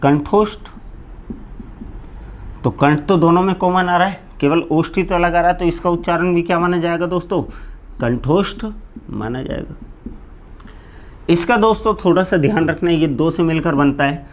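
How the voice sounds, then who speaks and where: A man teaching Hindi grammar in a live online class, asking his students questions and answering them himself, often calling them "friends". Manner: keeps repeating "friends" to address students; drops low and slow on each answer. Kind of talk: live online exam-prep lecture.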